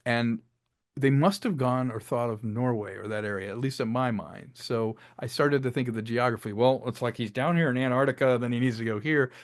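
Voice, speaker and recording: In a casual interview, a director and writer talks about his audio drama, speaking a little fast at a medium pitch. He's animated, slipping into voiced quotes and laughing between thoughts, and the recording has no echo.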